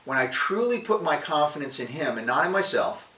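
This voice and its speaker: A man hosting a podcast, giving a casual devotional talk in an energetic, conversational preaching manner. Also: fairly high pitch, fairly quick, distant mic. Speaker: podcast host. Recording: roomy, away from the mic.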